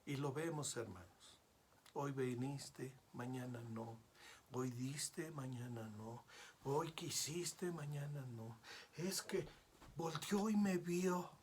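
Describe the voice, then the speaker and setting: A man preaching a sermon as pastor, swinging from hushed whispers to loud cries and calling out to his listeners as brothers. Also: mid-range voice, slow, a little hiss or hum. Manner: repeatedly addresses listeners as brothers.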